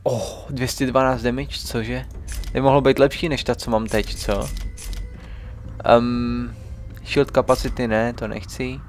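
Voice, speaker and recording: A man's voice: mid-range voice, little pitch movement, a little hiss or hum. A young man casually commenting on a video game as he plays, muttering to himself and chatting to viewers. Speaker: let's play gamer.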